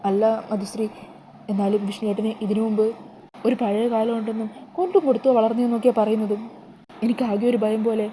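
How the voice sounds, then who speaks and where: A woman's voice: fairly high pitch, level tone, a little fast, mellow, a little hiss or hum, close to an everyday voice, rough recording. A woman voicing a frightened young bride in a TV serial recap, speaking anxiously and pleadingly. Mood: fearful.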